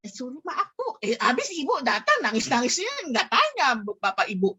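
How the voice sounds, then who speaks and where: A middle-aged woman speaking at a church delivers a lively talk in a high voice at normal speed. She tells funny stories, acts out the people in them, and slips in English phrases.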